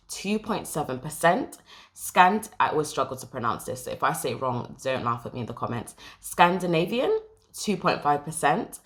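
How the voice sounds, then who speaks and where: A woman's voice: low-pitched, a bit bright. A young woman from Jamaica talking casually to camera as a vlogger, explaining step by step and reading from notes.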